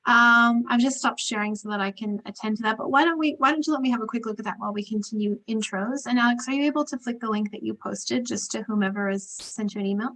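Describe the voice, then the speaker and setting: A woman hosting an online meeting over a video call, moving people along briskly and encouragingly. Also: on the high side, a bit bright, rough recording. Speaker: meeting host.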